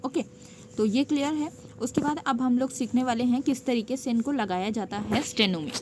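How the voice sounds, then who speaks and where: A woman teaching a stenography lesson, explaining each step patiently and often pausing to check that it is clear. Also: a little high, darkish tone, a little hiss or hum. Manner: patient, checks in with frequent "okay" and "theek hai".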